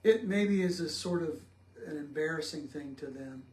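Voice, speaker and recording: A man leading a casual Bible study discussion, speaking slowly and haltingly with many pauses and fillers. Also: a little high, darkish tone. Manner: slow and halting, many ums. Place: church room. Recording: echoey room with faint noise.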